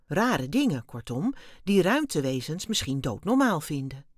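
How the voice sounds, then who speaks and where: A woman reading a children's story aloud with lively, expressive narration. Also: low voice, moderate pace, no echo, studio quality.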